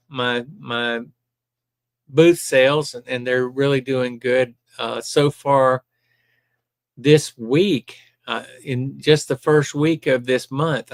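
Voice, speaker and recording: Reading viewer comments out loud on his live stream, a retired older man from Alabama chats in an easygoing Southern accent, dropping plenty of ums along the way. The recording has no echo, and his pitch sits at a medium level.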